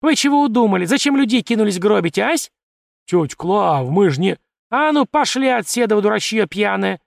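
A man putting on a shrill, bossy village woman who yells in rough rustic talk, high and loud. An audiobook character with a gravelly edge under the squeal, in a dry, close sound. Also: animated, fairly quick, no echo. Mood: shrill scolding. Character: loud scolding middle-aged village woman.

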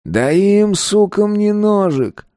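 Guy playing blunt teen gang boss, curt questions, lively pitch. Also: slow, clear, resonant tone, dry recording, studio quality. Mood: demanding. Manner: curt, demanding. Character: bushy-browed teen gang leader, blunt.

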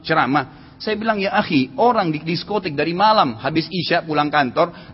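A man delivers a sermon at a brisk clip, his husky voice sitting a little high. He acts out quoted voices as he tells stories. The sound is muffled and carries a long hall reverb. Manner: lively storytelling with quoted voices. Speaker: preacher. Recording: dull reverberant lecture hall audio.

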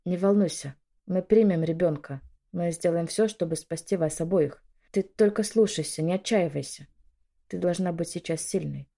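Voicing a caring but commanding older noblewoman, a woman speaks at normal speed in a mellow, lowish voice with vocal fry. Her tone is urgent yet soothing as she issues orders and calms a young woman giving birth.

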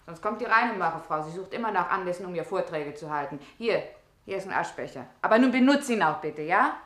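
A woman's voice: on the low side, animated, fast, lightly acted. A woman playing a fussy, chattering woman. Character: fussy woman, chattering, condescending, then frightened. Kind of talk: 1960s German radio drama acting.

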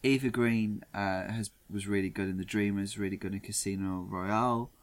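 A man's voice: fairly low pitch, steady tone, moderate pace. A man co-hosting a casual podcast, joking dryly and leading the segments. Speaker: podcast co-host. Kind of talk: casual chat.

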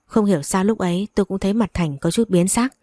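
A woman narrating a first-person audio story in a steady, emotional storytelling manner. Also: mid-range voice, fast talker, no echo, studio quality.

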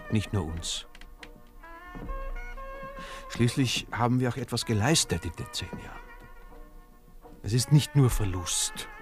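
An actor playing a brooding, resigned man back from the war in a radio drama, talking earnestly and pleading. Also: mid-range voice. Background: dance music from a gramophone.

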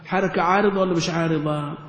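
High-voiced teacher quizzing his class. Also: fairly even intonation, a bit bright. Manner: quizzes the class with quick questions and answers them himself. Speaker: Arabic grammar teacher. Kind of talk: classroom lesson explaining grammar. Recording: echoey hall recording.

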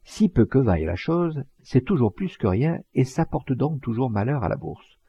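A man voicing a blunt, boastful rustic poacher, with a husky, gravelly voice and earthy, emphatic talk. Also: mid-range voice, very animated, normal speed, no echo, lo-fi sound, voice pushed up, full character voice. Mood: earnest. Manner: earthy, plain-spoken, emphatic.

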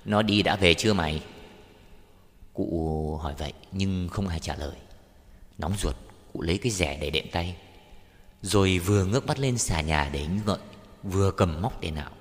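Male narrator, deep voice, steady storytelling, reverberant room with soft music. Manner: measured, unhurried storytelling. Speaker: audiobook narrator. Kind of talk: scripted short-story narration.

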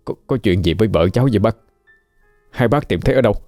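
A man's voice: lowish voice, fast talker, dark tone, no room sound, soft background music, natural voice. A man doing an anxious young husband.

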